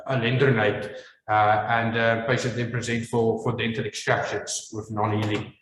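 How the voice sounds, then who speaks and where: A man from South Africa with a broad Afrikaans accent gives an informal medical lecture in a halting, hesitant way, often repeating words. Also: on the low side, flat delivery, a bit bright, a little hiss or hum. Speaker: presenter, maxillofacial team member. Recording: echoey hall with long reverb.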